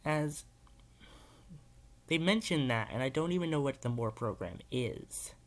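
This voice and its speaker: Slow, hesitant man reacting to a video. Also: medium pitch, expressive. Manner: rambling, hesitant, full of filler words. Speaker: YouTube reaction host. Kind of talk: casual video reaction commentary.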